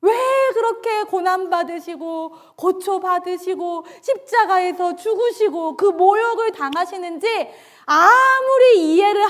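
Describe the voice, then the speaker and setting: A woman preacher tells her story from the pulpit in a very high voice. She is earnest and acts out what others said. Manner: earnest storytelling, acting out quoted lines, warm laughs. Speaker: pastor. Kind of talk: sermon. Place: church sanctuary.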